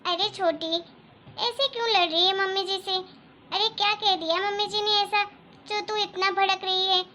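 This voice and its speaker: A woman's voice: very high voice, steady tone, normal speed, pushed and bright, a little hiss or hum. A woman voicing a sensible elder daughter-in-law who reassures and soothes in a cartoon story. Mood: chiding. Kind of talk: Hindi cartoon story dialogue.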